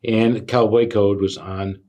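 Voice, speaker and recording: A man telling his own workplace stories as a podcast host, animated and full of fillers. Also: on the low side, slow pace, highs cut off. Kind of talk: casual storytelling chat.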